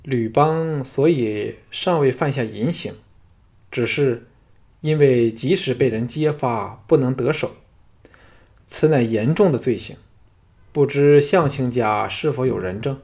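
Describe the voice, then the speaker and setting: A male audiobook reader voicing a young king who speaks in a composed, measured way and builds to forceful declarations. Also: mid-range voice, close to an everyday voice. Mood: stern.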